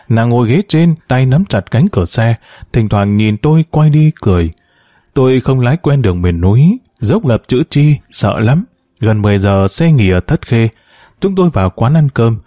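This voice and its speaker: Expressive male storyteller. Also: medium pitch, dry recording, clean studio sound. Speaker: narrator. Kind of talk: storytelling narration.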